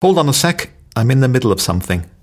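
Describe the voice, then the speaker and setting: A man's voice: mid-range voice, big pitch swings, fast. A man reading short everyday phrases one by one for learners, acting out the intonation of each sentence. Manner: reads short stand-alone sentences, each with its own acted intonation. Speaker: phrase reader.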